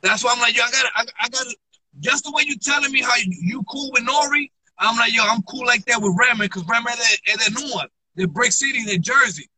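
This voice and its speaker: A man from the New area, interviewing in a casual chat and mixing Spanish with English slang in an animated way. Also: very high-pitched, normal speed, slightly rough, no room sound. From New York area. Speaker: interviewer, rapper.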